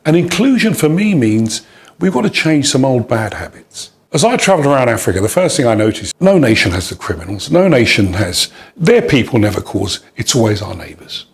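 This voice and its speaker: A man's voice: mid-range voice, very animated, a little fast. A man from Gambia giving emphatic interview answers on leadership, building his points in rhythmic repeated lists. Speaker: leadership speaker.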